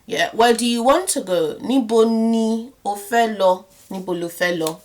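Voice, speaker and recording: A woman teaching a language lesson, explaining step by step and repeating example phrases slowly, checking in often with the listener. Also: fairly high pitch.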